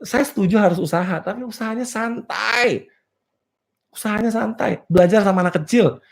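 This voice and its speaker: Speaking a little fast in a high-pitched voice, a man coaches a live and virtual seminar on business motivation. His style is playful and rhetorical; he chuckles at his own jokes and repeatedly checks with listeners by asking "clear?"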